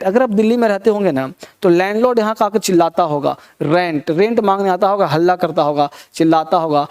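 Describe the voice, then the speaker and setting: He has a high, somewhat mellow voice and runs a vocabulary class built on rhythmic repetition. The word tricks are drilled over and over, with the class echoing him in call-and-response.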